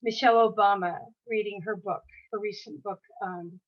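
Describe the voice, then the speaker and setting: A woman in her sixties, appearing as a guest author on a video call, chats casually in a medium-pitched voice with fairly even intonation at normal speed. She rambles and restarts often, and the audio is dull and lo-fi.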